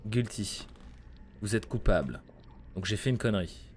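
A man's voice: lowish voice, expressive, a little slow, a little hiss or hum. A man giving live gameplay commentary as a streamer, chatty, swearing and greeting viewers in chat by name. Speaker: gaming streamer.

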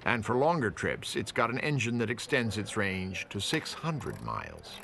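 Male doc narrator, deeper voice, expressive, measured and informative. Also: gravelly, crowd noise. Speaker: documentary narrator. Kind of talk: scripted narration.

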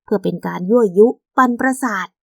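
A woman narrating a scripted bedtime radio story in a calm, even storytelling manner. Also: on the high side, quick pace, vocal fry, no room sound, clean studio sound.

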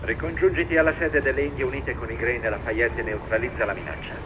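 Un attore che interpreta un comandante calmo e misurato, che dà ordini via radio. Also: male voice, medium pitch, dull audio, background noise. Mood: calm orders. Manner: calm, measured, giving orders. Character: composed male commander issuing orders by radio. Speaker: field commander. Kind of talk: video game dub acting.

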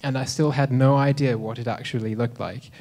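A young man from South Africa stands with a handheld microphone and tells his story to a live audience. His pitch sits in the middle for a man. He keeps it relaxed and self-deprecating and often stops to say "um". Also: brisk. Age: 20s. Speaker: speaker at a live talk event. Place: dim lecture hall with a projector screen.

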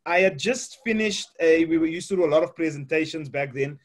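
A man's voice: a little high, a little fast. A man hosting an interview over a video call from his home office, chatty and full of "uh, you know". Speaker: host. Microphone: webcam on video call.

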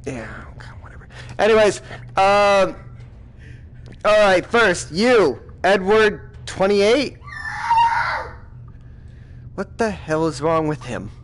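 A man with a high voice plays a bossy villain in a comedic game session. He keeps a mock-stern, exasperated tone, scolding his crew. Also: lively intonation, takes it slowly, long pauses, fairly bright tone, slight background noise. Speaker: gamer playing a villain boss. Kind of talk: comedic gaming role-play.

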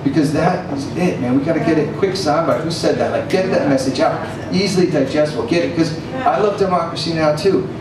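Crowd noise surrounds a middle-aged panelist at a film screening as he answers the audience in a breezy, slangy way, his voice fairly high, fairly quick, with few pauses. He speaks into a handheld mic in a small cafe gallery, recorded from far off by a camera in an echoey, noisy room.

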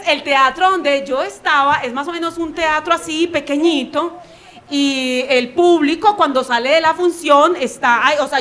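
A young Colombian woman tells a stand-up story in a high voice. She acts out the other people's voices with animated energy and laughs along as she goes. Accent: Colombian Spanish. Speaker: stand-up comedian.

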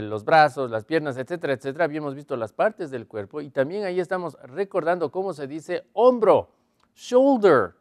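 A man's voice: fairly high pitch, no echo, clean studio sound. Man teaching an English lesson. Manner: slow, drawn-out model phrases in English; explanatory, checks in with "¿sí?" and "¿ok?". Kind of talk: televised language lesson.

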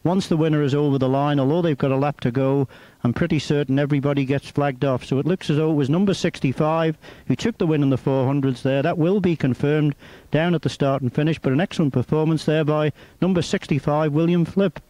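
A man with a high-pitched voice is commentating live on the radio. He follows a motorcycle race as it unfolds. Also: fairly even intonation, brisk, mellow, dry recording, rough recording.

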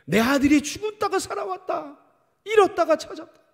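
A male pastor voicing an old father who forgives his sons, giving orders with joy and speaking gently. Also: high voice, very animated, slow pace, slightly rough, voice pushed up, full character voice. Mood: jubilant. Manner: commanding, then tender. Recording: long church hall reverb.

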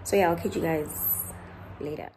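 A woman's voice: low voice, fairly even intonation, normal speed, very noisy. A young South African woman with a South African accent chatting casually to her vlog viewers at home, easygoing and mixing in Zulu words. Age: young adult. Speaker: vlogger. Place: small apartment kitchen and bathroom, indoors.

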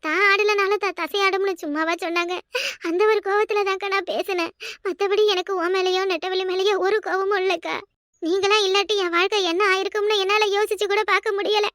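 A woman's voice: extremely high pitch, fairly even intonation, a little fast, a bit bright, dry recording, clean studio sound. A woman voicing an earnest, apologetic younger sister-in-law who is devoted to her elder in a cartoon dub. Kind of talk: cartoon dubbing.

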